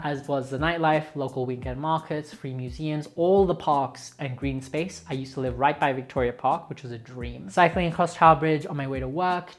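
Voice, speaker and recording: A young Australian woman narrating her vlog in a frank, outspoken, opinionated way. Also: low voice. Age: young adult. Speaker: vlogger.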